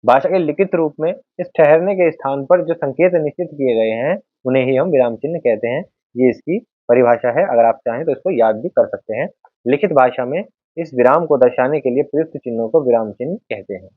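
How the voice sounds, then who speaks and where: A man's voice: mid-range voice, no echo. A man teaching a Hindi grammar lesson over slides, who explains with everyday examples and speaks to viewers as friends. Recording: dry, narrow phone-like sound.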